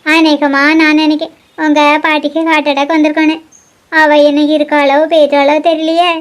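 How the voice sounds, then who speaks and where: A woman's voice: high voice, flat delivery, brisk, lightly acted. A woman voicing a nosy, gossiping old village grandmother in a cartoon. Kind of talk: cartoon voice acting.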